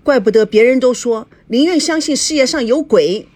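A betrayed young wife, voiced by a woman reading the story, lashes out in a high, shrill and accusing voice. Her pitch leaps around wildly. The tone stays somewhat husky and breathy. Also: sing-song, normal speed, exaggerated voice. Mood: furious.

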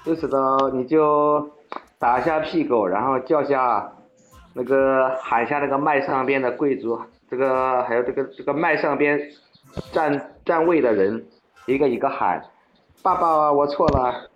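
Woman, extremely low voice, blunt teasing banter; lo-fi dull audio, faint music. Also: normal speed, reverberant. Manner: blunt, teasing, sets punishments. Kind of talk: casual live-stream banter.

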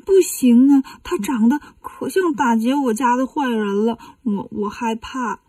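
A woman's voice: a little high, lively intonation, normal speed, warm tone, slightly rough, no room sound, far from the mic. A woman storyteller voicing a sly demon who poses as a tearful little boy, whining and pleading.

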